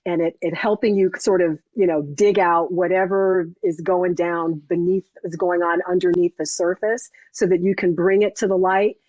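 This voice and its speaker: A woman's voice: lowish voice, steady tone, moderate pace, few pauses, a little mellow, dry recording. A woman hosting an interview, talking reflectively and affirming her guest, with frequent restarts. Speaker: host. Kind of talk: casual interview chat. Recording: dull lo-fi dry recording.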